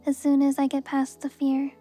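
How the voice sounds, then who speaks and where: A young woman reading a book aloud in a soft, even ASMR reading voice. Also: sits high, moderate pace. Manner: soft, even reading voice with brief laughs at the text.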